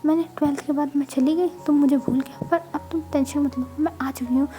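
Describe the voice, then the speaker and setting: A woman's voice: sits high, fairly even intonation, fairly quick, warm tone, natural voice. A woman voicing a boastful, breezy rich young woman in a storybook reading.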